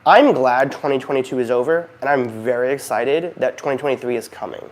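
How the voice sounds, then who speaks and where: A man's voice: mid-range voice, fairly quick. A man hosting a casual, unscripted update vlog, with a goofy, rambling manner that often interrupts itself. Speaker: video channel host. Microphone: recorded beside a noisy heating fan.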